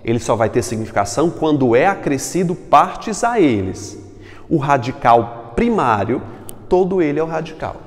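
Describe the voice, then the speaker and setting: A man from Brazil, a Portuguese teacher, giving a recorded class, lively, asking and answering his own questions. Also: fairly high pitch, normal speed, big-room sound.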